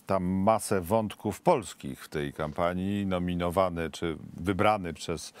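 A man's voice: low-pitched, measured pace, clear, resonant tone. A man interviewing a guest on television, asking long questions broken up by fillers.

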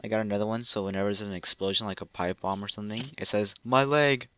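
A man's voice: lowish voice, little pitch movement, rapid-fire, a little hiss or hum. A young man joking and teasing his friend while they play a co-op game together. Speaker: gamer co-host. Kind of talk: casual gaming chat.

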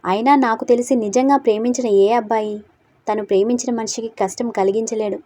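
A woman voicing a calm principled young man. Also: on the high side, a little fast, no room sound, lightly acted. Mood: earnest. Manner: steady, reasoning, gently persuasive. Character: calm, principled young male college student.

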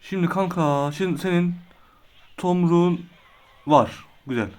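A young man with a fairly high voice talks through a match as he plays. He is quick to lose his temper, groaning and cursing at his opponent between quick remarks about his moves. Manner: hot-tempered, swears and groans in frustration. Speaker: gaming video creator. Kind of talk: casual live commentary while playing a game.

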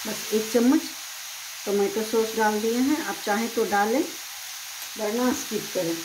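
This home cooking channel host speaks with a fairly high pitch at a measured pace, explaining every step plainly from her kitchen. Background noise is present in the voice-over.

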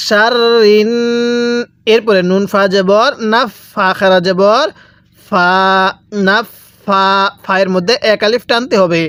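A man teaching Quran reading, spelling syllables out slowly and asking then answering his own questions. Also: high-pitched, fairly bright tone, dry recording. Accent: Bangladeshi Bengali. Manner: drills letter by letter, asks and answers own questions. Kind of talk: slow spelled-out recitation lesson.

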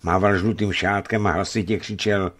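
A man narrating an audiobook in a measured, expressive way. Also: sits low.

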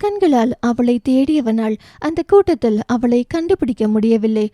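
A woman's voice: fairly high pitch, lively intonation, normal speed, dark tone, dry recording, clean studio sound. A woman narrating a romance novel as an audiobook, voicing each character's dialogue herself. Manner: shifts briefly into voices for each character.

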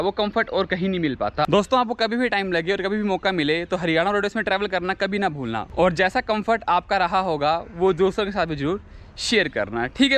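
A young man talks to his viewers about a bus ride, brisk and chatty, holding the phone at arm's length. His voice sits a little high. Traffic and engine noise run clearly under his words. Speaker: travel vlogger. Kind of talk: vlog narration. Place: outdoors at a roadside bus stop and on a moving bus. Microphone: phone camera at arm's length.

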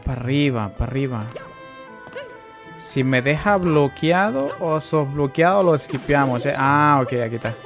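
With music playing in the background, a young Mexican Spanish-accented streamer narrates a live game in a chatty way. He welcomes his viewers and bursts into excitable outbursts, his mid-range voice moving at a moderate pace.

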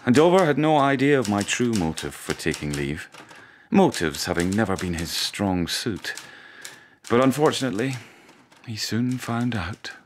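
An aggrieved young police sergeant narrates a radio drama. He is prim and self-important, in a lowish voice with faint background noise. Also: very animated, moderate pace. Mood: guarded, dry. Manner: prim, long-suffering, pompous.

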